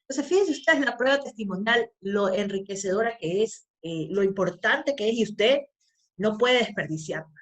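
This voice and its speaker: A woman's voice: mid-range voice, expressive, normal speed. A woman teaching a law class, stressing points by repeating them and checking in with tag questions. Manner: emphatic, repeats key phrases, frequent tag questions. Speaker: law lecturer. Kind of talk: lecture.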